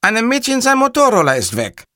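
A man's voice: extremely high pitch, huge pitch swings, brisk, sharp tone, no echo, clean studio sound, pitched above the performer's own voice, exaggerated voice. A man voicing a bumbling, overeager male police switchboard officer who rambles in muddled sentences. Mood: flustered eager.

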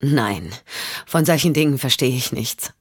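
A woman voicing a calm male investigator who questions gently and patiently, for an audiobook. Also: extremely low pitch, measured pace, breathy edge, no room sound, clean studio sound, full character voice.

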